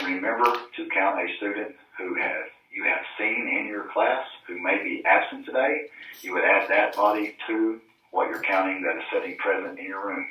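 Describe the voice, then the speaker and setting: A man making a formal announcement to teachers and students over a school intercom loudspeaker, repeating his instructions. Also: low voice. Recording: distant muffled loudspeaker in an echoey classroom.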